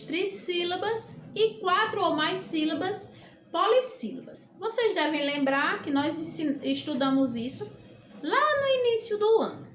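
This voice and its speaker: A woman teacher with a Brazilian accent gives a lesson, speaking slowly and deliberately and spelling out word endings letter by letter. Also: high voice, a bit bright. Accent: Brazilian Portuguese. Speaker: school teacher. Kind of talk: recorded classroom lesson. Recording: roomy echo with faint background hum.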